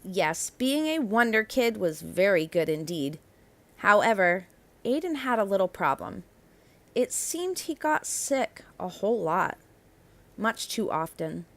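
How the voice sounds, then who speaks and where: A woman narrates a children's picture book aloud in a mid-range voice, a little slow. Her phrasing is expressive and emphatic, stretching out the key words.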